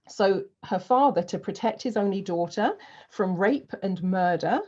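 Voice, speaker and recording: A woman's voice: mid-range voice, a little mellow. Woman host reading an introduction, lo-fi. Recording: dull lo-fi sound.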